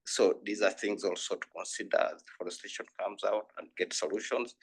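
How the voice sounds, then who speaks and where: A man with a husky, lowish voice speaks earnestly at a conference panel. He talks in halting bursts and keeps restarting his sentences. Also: steady tone, poor audio. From Uganda. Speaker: panel discussant.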